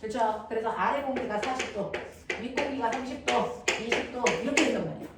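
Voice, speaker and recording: Lady science teacher, blunt and teasing, keeps checking they get it, booming echo, noisy room. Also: a little fast. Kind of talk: classroom lecture. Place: classroom with students. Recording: echoey room, distant mic, noisy.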